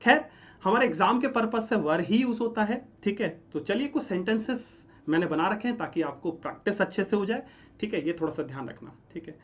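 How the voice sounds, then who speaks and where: A man's voice: high-pitched, expressive, a little fast, a bit bright, dull audio. A man teaching English grammar, asking a question and then answering it himself. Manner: explains step by step, asks and answers his own questions; keeps checking in with "ठीक है?". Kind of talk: classroom-style grammar lesson.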